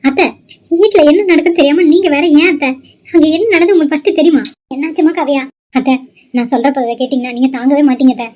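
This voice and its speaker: A bitter, scheming young woman in a homemade cartoon, voiced by a woman. She complains high and fast. The recording sounds dull and lo-fi. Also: a little mellow. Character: resentful young woman scheming against rival.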